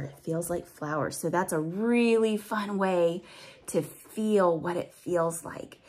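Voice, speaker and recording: A woman with a lowish, breathy voice reads a picture book aloud to young children. She stretches out the rhymes expressively and adds simple, teacherly explanations and questions for the listener.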